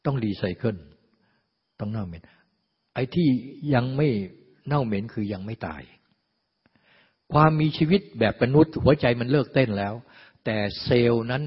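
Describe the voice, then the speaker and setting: A man's voice: medium pitch, normal speed, pauses often, breathy edge. A man giving a dharma sermon. He often asks his listeners rhetorical questions and acts out the voices of the people he quotes. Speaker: dharma teacher. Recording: dull lo-fi with long hall reverb.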